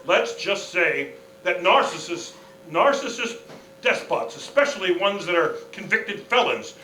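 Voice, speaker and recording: Exasperated, blustering general male actor for radio comedy; forceful and declamatory, slightly off-mic with echo. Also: sits high, animated, measured pace, heavily acted. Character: blustering, exasperated commanding general, comically cranky. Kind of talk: comic stage radio play. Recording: echoey, distant, faint noise.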